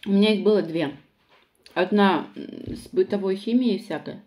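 A woman's voice: mid-range voice, moderate pace, darkish tone. A woman vlogging to viewers while eating, talking bluntly and sarcastically with her mouth full of food. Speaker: mukbang vlogger.

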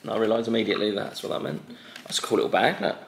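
A man's voice: on the low side, expressive, rapid-fire, creaky. A man in his thirties vlogging at home, reading gift cards aloud and joking as he opens presents. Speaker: vlogger, new dad opening gifts. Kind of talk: casual chat. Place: living room, indoors. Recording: echoey room, faint noise.

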